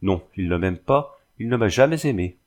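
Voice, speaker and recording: Guy reading a proud hurt young woman, bitter, kinda low voice. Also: animated, moderate pace, darkish tone, close to an everyday voice.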